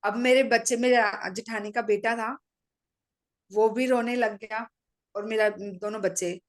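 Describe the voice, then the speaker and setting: A middle-aged woman with a slightly high voice gives a personal testimony to an audience. She stays calm and matter-of-fact, slipping into her own remembered lines of dialogue as she goes. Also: a little slow. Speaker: meditation practitioner sharing her story.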